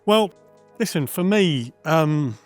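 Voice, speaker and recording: A man's voice: a little high, expressive, takes it slowly, soft background music. A man talking as a darts guest in a casual panel discussion, frank and friendly, with plenty of "um" and "listen". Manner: frank and friendly, with many fillers and hedges. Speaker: darts guest and former player.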